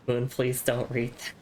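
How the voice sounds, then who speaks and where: A woman's voice: a bass voice, background noise. A woman streaming a game with a sick voice, chatting casually, laughing often and reading messages aloud; she notes that her accent makes her hard to understand. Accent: non-standard English accent. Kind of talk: casual live gameplay chat.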